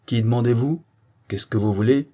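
A man's voice: mid-range voice, moderate pace, warm tone, natural voice. A man voicing a stiff manservant who answers curtly and formally. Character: stiff male manservant at a chateau.

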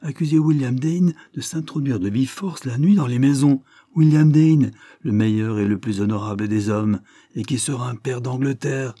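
A man's voice: lowish voice, little pitch movement, normal speed, no room sound, clean studio sound, close to an everyday voice. A man voicing an urgent, commanding old lord. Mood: indignant. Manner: insistent, rising to sharp emphasis. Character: aging dying English lord, urgent and commanding.

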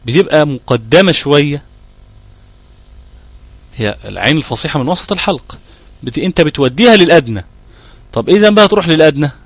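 A man's voice: fairly high pitch, lively intonation, fast talker, pauses often, dry recording. A middle-aged man with an Egyptian accent teaching tajweed, explaining patiently, demonstrating sounds and checking that his students follow. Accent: Egyptian Arabic. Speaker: Quran recitation teacher. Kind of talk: tajweed lesson.

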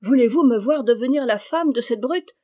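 Brief: pleading, tearful young noblewoman with a raised voice, dark timbre, storybook tale, as read by a woman. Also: fairly high pitch, moderate pace, no echo, clean studio sound, voice pushed up, close to an everyday voice. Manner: pleading, emotional.

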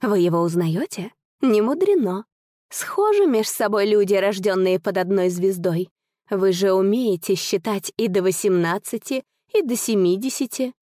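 A woman's voice: medium pitch, expressive, moderate pace, dark tone, no echo, studio quality, natural voice. A woman voicing an impassioned young noblewoman with a ringing voice in an audiobook story. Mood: triumphant. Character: young noblewoman, fierce and sorrowful.

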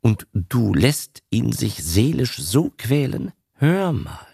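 Spoken by a man, a writer's nagging conscience, probing and reproachful in a dry, close voice with a gravelly undertone. It questions him slowly and deliberately. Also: medium pitch, very animated, darkish tone, no echo, exaggerated voice. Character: an author's nagging, reproachful inner voice.

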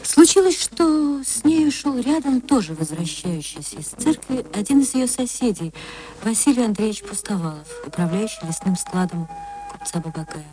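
Reading literary fiction in a theatrical actress's style, a woman swings between hushed and swelling lines with plenty of expression. Her pitch is medium, and the recording quality is low.

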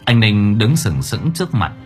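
A man narrating a fantasy audiobook in a dramatic, expressive way. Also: on the low side, moderate pace, faint music behind. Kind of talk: storytelling narration.

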